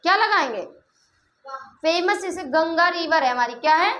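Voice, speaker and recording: Female teacher, high bright voice, classroom call-and-response, teasing and quizzing. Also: lively intonation, normal speed. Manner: keeps quizzing pupils, repeating answers back; playful teasing asides. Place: classroom with pupils.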